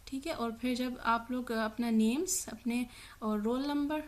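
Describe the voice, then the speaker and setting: Woman, high-pitched, Quran recitation teacher, slow repeated words, brisk explanations. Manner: recites each word slowly twice, then explains quickly. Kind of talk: tajweed lesson with slow drilled recitation.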